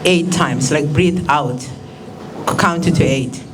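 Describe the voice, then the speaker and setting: A woman's voice: deep voice, slow, crowd noise. A woman leading a youth workshop, giving directive instructions for a breathing exercise.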